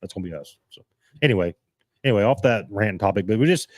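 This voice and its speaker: Rambling low-voiced man host. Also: lively intonation, darkish tone, dry recording, studio quality. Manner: rambling, halting, restarts sentences. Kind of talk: casual live-stream chat.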